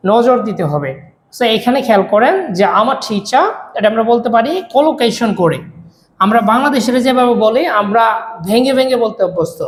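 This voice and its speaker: A woman, teaching a spoken English lesson and repeating drill phrases slowly. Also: a little high. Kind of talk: explaining English grammar lesson. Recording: echoey room.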